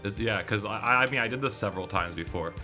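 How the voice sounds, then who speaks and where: A lowish, pushed and bright voice moves at a quick pace as a man in his thirties hosts a visual novel readalong livestream. Faint music sits in the background while he chats casually, rambling off-topic and frequently correcting himself.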